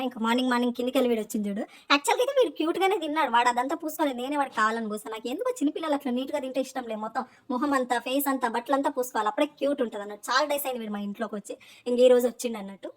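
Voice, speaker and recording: A young woman with a Telangana Telugu accent, chatting in a casual vlog voice-over and telling a family story, mixing in English words. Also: a little high. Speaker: vlogger.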